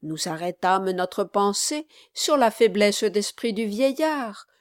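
A woman narrating a classic novel as an audiobook, with measured, even storytelling. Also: medium pitch, dry recording, studio quality.

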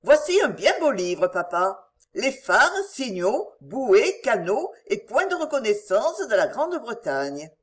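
An earnest young daughter, as a woman narrator voices her, calm and self-assured as she explains herself. Her lines move through a lively, animated melody. A storybook heroine with a matter-of-fact certainty. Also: fairly high pitch, slow, hardly any pauses. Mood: enthusiastic.

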